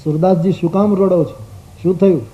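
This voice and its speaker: A man's voice: high-pitched, steady tone, brisk, natural voice. A man voicing a disguised male god who teases and questions a weeping saint. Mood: teasing. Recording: dull old live recording.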